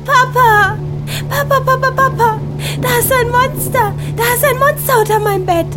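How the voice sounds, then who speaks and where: A woman's voice: moderate pace, loud music behind the voice. A woman voicing a frightened little girl who calls out shrilly in an audio story. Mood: terrified. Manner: shrill, panicked calling.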